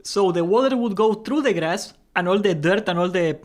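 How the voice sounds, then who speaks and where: A young man hosts a gaming livestream in a loose, joking chat with his viewers. His voice sits high for a man. He laughs easily, swears casually, and rambles along in a friendly, offhand way. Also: expressive, moderate pace. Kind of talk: casual live-stream chat.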